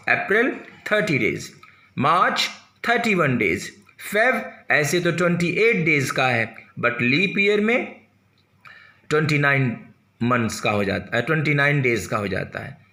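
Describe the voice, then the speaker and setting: Man, patient teacher; slow, deliberate, spells and repeats words. Bright tone, echoey room. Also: a little high, big pitch swings. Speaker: English teacher. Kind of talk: classroom pronunciation lesson.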